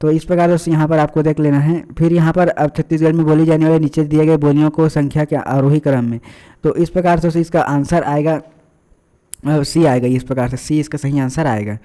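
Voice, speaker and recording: A man works through an exam answer key as a tutor. His voice sits a little high for a man, with a mellow, relaxed tone. He keeps calling his viewers friends and often repeats himself and uses fillers as he goes. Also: a little fast. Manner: addresses viewers as friends, many fillers and repetitions.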